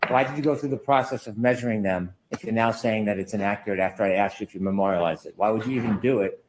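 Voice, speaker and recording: A man's voice: on the low side, fast talker, slight background noise, poor audio. A man cross-examining a witness in a courtroom as a lawyer, pressing and sceptical, often ending statements with pointed tag questions.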